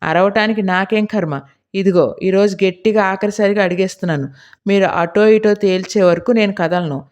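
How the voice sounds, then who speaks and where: A woman reading an audiobook voices a scolding middle-aged village housewife with a shrill, indignant, nagging delivery. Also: normal speed, a little mellow, natural voice.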